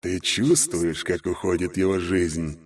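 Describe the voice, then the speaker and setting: Death, a breathy whispering spirit, as a man puts it on. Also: low voice, steady tone, recorded from a distance. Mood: ominous whisper. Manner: whispered, slow and ominous. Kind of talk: audiobook character voice.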